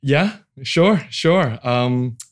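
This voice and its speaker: Speaking extremely slowly but expressively at a medium pitch, this Hong Kong man in his forties talks about his career as a podcast guest. He founded a venture capital firm, and his casual phrasing is hesitant.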